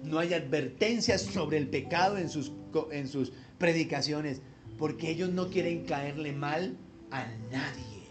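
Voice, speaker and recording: A man's voice: on the high side, measured pace. A man preaching a sermon as pastor, emphatic and conversational, with wry asides, over background music.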